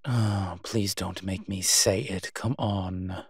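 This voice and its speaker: For an intimate audio roleplay, a man plays a male incubus demon professor in a low, husky, exaggerated voice, recorded very dry and close with no room sound. Proud and teasing with a flirtatious edge, he speaks slowly in a steady tone with hesitant pauses, his mood grudging and pleading.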